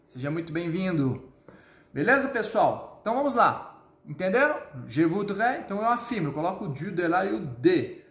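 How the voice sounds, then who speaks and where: A man teaching French in a live online lesson, explaining step by step, checking in often with his viewers, and slowing down to model each phrase. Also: high-pitched, very animated, fairly bright tone, echoey room. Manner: upbeat, explains step by step with frequent check-ins.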